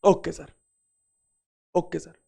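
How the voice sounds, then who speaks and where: In a live online class, a young maths teacher with a slightly sore throat draws out his words. He keeps things lively and repetitive, nudging students with playful asides.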